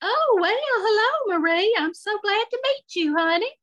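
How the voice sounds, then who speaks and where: Female storyteller as elderly Southern belle: unfiltered, effusive, high-pitched, bright, showering everyone with endearments. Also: lively intonation, unhurried, muffled recording, heavily acted. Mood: flustered excitement. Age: 70s. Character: outrageous seventy-seven-year-old Southern lady, gushing and nosy. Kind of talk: live-style personal storytelling.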